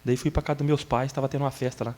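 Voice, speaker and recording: A man's voice: medium pitch, little pitch movement, racing, long reverb tail. A middle-aged man giving an earnest, emotional testimony in an interview, telling his story at length. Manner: earnest, storytelling, breaks into tears and shouts when moved. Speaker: church member giving testimony.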